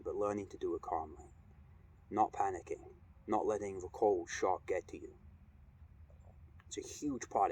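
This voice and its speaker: A middle-aged man talking casually and reflectively in a vlog, with an earnest, measured, halting delivery. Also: slightly rough. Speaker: cold exposure vlogger. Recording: steady background noise, ambient rumble.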